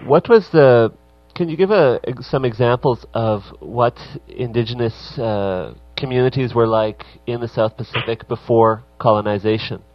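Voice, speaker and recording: A man hosting a radio interview, speaking haltingly with many fillers. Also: mid-range voice, no echo, highs cut off. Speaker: radio show host.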